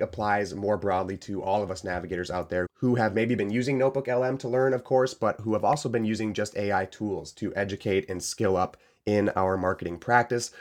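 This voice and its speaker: A man hosting a solo tech podcast, upbeat and explanatory, taking care with a tired voice. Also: on the low side. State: saving a tired voice. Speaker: podcast host.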